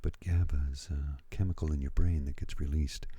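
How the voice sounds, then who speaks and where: A man in his fifties speaking in a soft, breathy ASMR voice, slow and soothing, moving between whispering and murmuring close to a studio microphone. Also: very deep voice, fairly even intonation. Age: 50s. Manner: slow, soothing, hushed delivery. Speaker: ASMR host. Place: at home.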